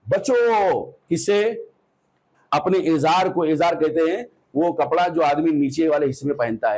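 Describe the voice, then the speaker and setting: A man teaching a hadith class, asking his students questions, repeating key points and reciting Arabic phrases slowly before explaining them. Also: fairly high pitch, rough recording. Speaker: Islamic teacher.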